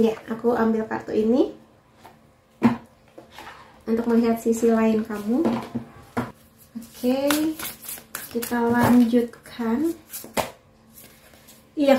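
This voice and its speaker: A woman with a high voice gives a relaxed tarot reading and talks straight to the listener in a chatty, reassuring way. Her voice rings a little in an echoey room. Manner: chatty and reassuring, addresses the viewer directly. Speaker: tarot reader. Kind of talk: casual tarot reading to viewers.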